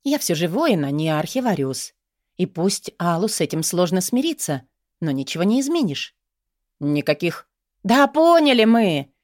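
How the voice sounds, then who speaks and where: A woman reading a first-person romance novel aloud in a measured, expressive voice. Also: fairly low pitch, dry recording, clean studio sound. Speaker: audiobook narrator.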